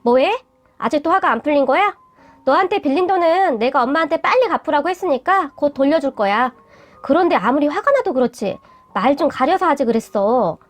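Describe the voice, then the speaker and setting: A woman's voice: high-pitched, animated, a little fast, faint music behind. A woman voicing a blunt, defensive young adult boyfriend who talks curtly and dismissively. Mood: pleading. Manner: curt, irritable, dismissive.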